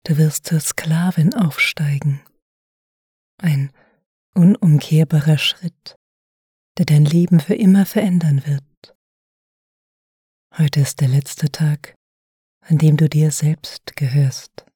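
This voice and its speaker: A woman's voice: low-pitched, takes it slowly, long pauses, mellow, slightly rough, no room sound. A woman narrating a second-person audio story in an intimate, often unvoiced whisper, close to the mic.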